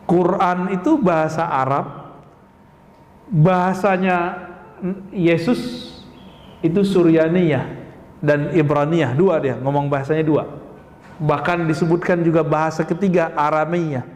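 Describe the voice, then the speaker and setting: A man preaches in a high, carrying voice, talking with his congregation and throwing them rhetorical questions. His words ring through an echoey mosque with a long reverb tail. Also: fairly even intonation, a little slow, pauses often, a little mellow. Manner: conversational, addresses audience as Pak, rhetorical questions. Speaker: Islamic preacher. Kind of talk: sermon.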